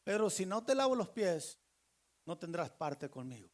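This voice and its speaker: A man voicing a calm, gentle male teacher, quoted quietly and low in a sermon. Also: normal speed.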